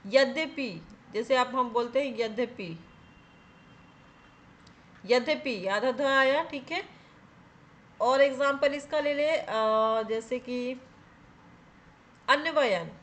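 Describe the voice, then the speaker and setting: A woman with a high-pitched voice teaches a grammar lesson for exam preparation. She explains each rule step by step, often puts a question to her viewers and then answers it herself. She keeps checking in with listeners as she goes. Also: fairly bright tone. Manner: repeats "theek hai" to check in with viewers.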